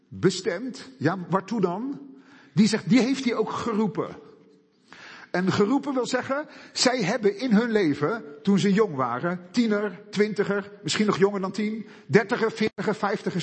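Animated high-pitched preacher in an echoey hall. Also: male voice, slightly rough. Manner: animated, asks and answers rhetorical questions. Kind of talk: sermon. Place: church hall.

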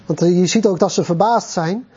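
A man preaching a sermon to his congregation in a conversational way, with pauses and fillers, on a dull lo-fi recording. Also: sits high, dark tone, husky.

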